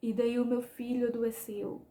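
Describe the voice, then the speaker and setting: Young Brazilian woman, mellow voice. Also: on the high side, level tone, moderate pace. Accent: Brazilian Portuguese. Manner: emotional storytelling, addresses viewers as "gente". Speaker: vlogger. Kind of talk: personal testimony to camera.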